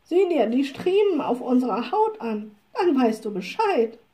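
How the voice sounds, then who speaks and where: A woman's voice: high-pitched, big pitch swings, measured pace, warm tone. A woman doing weary anxious talking cart horses. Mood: complaining.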